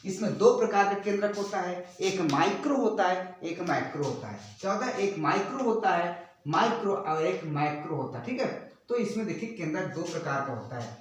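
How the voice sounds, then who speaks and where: A man's voice: high-pitched, animated, normal speed, far from the mic, slight background noise. A man teaching a biology lesson, who keeps asking and repeating questions and spells out terms letter by letter as he writes. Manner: repeats and quizzes students with rhetorical questions. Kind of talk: classroom-style lesson at a board. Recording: very echoey room, speaking away from the mic.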